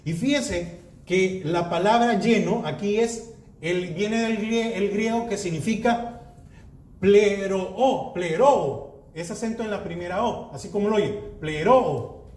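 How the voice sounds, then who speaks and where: A man's voice: high voice, lively intonation, unhurried, darkish tone, echoey room. A man pastor preaching a sermon, reading verses aloud and asking the congregation rhetorical questions.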